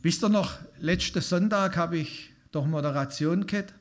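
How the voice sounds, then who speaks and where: A man's voice: a little high, moderate pace. A man preaching an informal sermon to a congregation, talking conversationally and putting questions to his listeners. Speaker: lay preacher.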